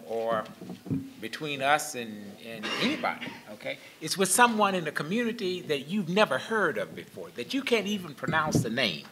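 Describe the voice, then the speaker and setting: A man's voice: mid-range voice, bright, forceful tone. A man answering a panel question in an emphatic, direct way, as if addressing students. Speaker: panel speaker. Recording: faint background noise.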